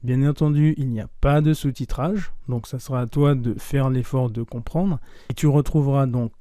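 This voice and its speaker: A man gives a casual spoken French lesson with a very dark, mellow voice. He says each phrase carefully, then repeats it in its quick, clipped everyday form. The sound is dry and close. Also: mid-range voice, steady tone, no echo. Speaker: French teacher.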